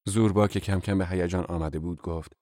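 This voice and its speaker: Deep-voiced man narrating an audiobook. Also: dry recording, studio quality. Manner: measured, even storytelling.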